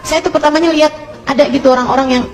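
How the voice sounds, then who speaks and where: A woman's voice: high voice, steady tone, racing, soft background music, rough recording. Woman preacher telling a story. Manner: retells a story with quoted dialogue, addresses listeners directly. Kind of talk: sermon storytelling.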